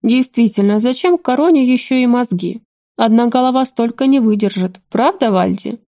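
A woman's voice: a little high, normal speed, mellow, no echo, studio quality, lightly acted. A woman voicing a snide, mocking old grandfather who needles his family. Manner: snide, teasing.

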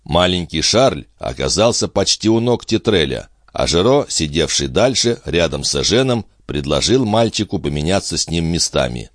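A man narrating an audiobook in expressive storytelling manner. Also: sits low, moderate pace, hardly any pauses, dry recording, clean studio sound.

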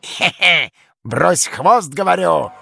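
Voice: medium pitch, lively intonation, takes it slowly, gravelly, bright, forceful tone, faint music behind, full character voice. A storyteller voicing a sly, wheezing crocodile who dodges questions with a cackle. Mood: snarling. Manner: shifty, evasive.

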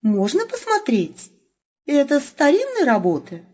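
A woman's voice: high voice, huge pitch swings, a little slow, darkish tone, pitched above the performer's own voice, exaggerated voice. A woman reading an audiobook and voicing a curious, haughty young princess. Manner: haughty, prim. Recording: muffled lo-fi recording.

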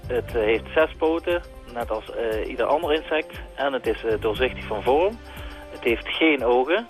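Male scientist, mid-pitched, explains simply with frequent hesitation, faint music behind. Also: lively intonation, moderate pace. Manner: hesitant, searching for words. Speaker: scientist, expert guest. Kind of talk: informal explanation for radio listeners.

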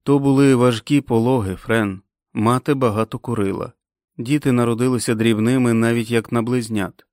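A man playing a calm, kindly doctor who speaks in a measured, reassuring way. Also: medium pitch, dry recording, clean studio sound, natural voice.

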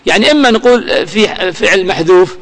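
A man's voice: high-pitched, lively intonation, brisk, a bit bright. A man teaching grammar, quizzing his students and prompting them for answers. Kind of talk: question-and-answer grammar lesson. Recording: long reverb of a large room.

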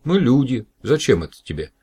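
A man reading aloud and voicing a lively, exclaiming young woman in a children's story. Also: mid-range voice, a little fast, husky, pitched above the performer's own voice. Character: young woman computer operator, emotional.

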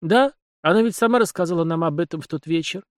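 A man's voice: quick pace, no echo, studio quality, lightly acted. Naive lovestruck youth, raised and earnest, as a man reads him. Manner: earnest, pleading, higher-pitched.

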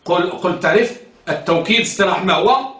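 A man's voice: sits high, fast talker, fairly bright tone. A man teaching a grammar class, quizzing students and repeating their answers, recorded in a classroom. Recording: echoey room, distant mic.

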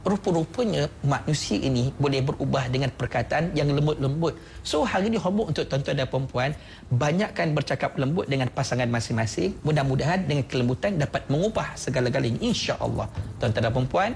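Gravelly Malaysian man giving radio motivation. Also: medium pitch, lively intonation, a little fast, slight background noise. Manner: persuasive, addresses listeners directly with repeated questions. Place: radio studio.

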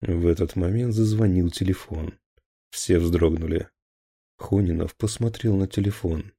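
A man narrating an audiobook in a measured, grave storytelling manner. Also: low voice, warm tone, breathy edge, no echo, clean studio sound.

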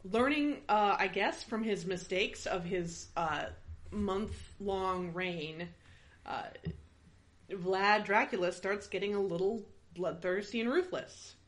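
A woman's voice: mid-range voice, takes it slowly. A woman hosting a podcast, casually telling a history story with many fillers and frequent laughs. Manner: rambling with fillers, laughs often.

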